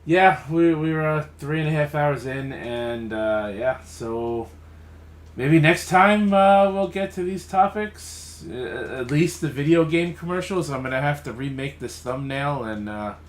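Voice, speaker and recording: A man's voice: fairly high pitch, lively intonation, a little slow, roomy sound. A man hosting a late-night podcast, talking easygoing with lots of fillers and laughs. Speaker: podcast host. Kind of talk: casual late-night chat. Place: home room.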